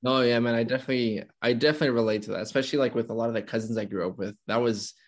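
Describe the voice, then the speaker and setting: A man in his twenties, a guest speaking earnestly and openly in a casual talk, pausing and restarting as he goes. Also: medium pitch. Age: 20s. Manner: earnest, open, halting with restarts. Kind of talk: casual conversation.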